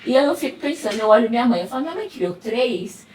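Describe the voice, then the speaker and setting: Animated woman in an echoey room. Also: a little high, fast. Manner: animated, laughs often, quotes patients. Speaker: host, clinician at the clinic. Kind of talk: casual podcast chat. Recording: echoey room, distant mic, faint noise.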